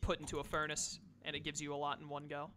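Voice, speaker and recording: A man's voice: on the high side, completely flat delivery, quick pace, sharp tone. A man giving casual commentary to chat and friends while streaming a game. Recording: background noise, keyboard clicks and typing.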